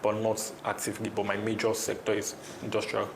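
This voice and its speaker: A young Nigerian man with a low, gravelly voice gives casual interview answers. His intonation stays quite flat, and the room echoes. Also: a little fast. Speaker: interview guest, trading competition participant. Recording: echoey room, faint noise.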